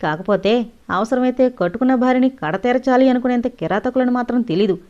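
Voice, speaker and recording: A woman's voice: on the high side, fairly quick, a little mellow, pitched above the performer's own voice, lightly acted. A woman voicing a grave male doctor who speaks firmly and sternly, in an audio novel. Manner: grave, firm. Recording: dull lo-fi audio.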